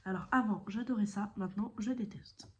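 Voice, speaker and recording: A woman's voice: medium pitch, brisk. A woman chatting casually about her cross-stitch projects, rambling with many fillers and self-corrections, sometimes dropping to a whisper. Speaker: cross-stitch video creator.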